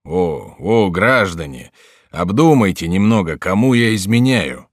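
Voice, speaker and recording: A man reading Count Tilly, a calm courteous officer. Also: deep voice, measured pace, no echo, studio quality, heavily acted. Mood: composed, courteous. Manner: calm, courteous, dryly ironic. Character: polite, composed French officer, middle-aged man.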